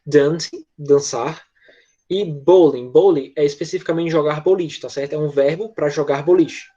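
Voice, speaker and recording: A man with a Brazilian accent teaching an English class online, patiently walking pupils through repetition and often checking in with quick tag questions. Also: fairly high pitch, mellow, slightly rough, lo-fi sound.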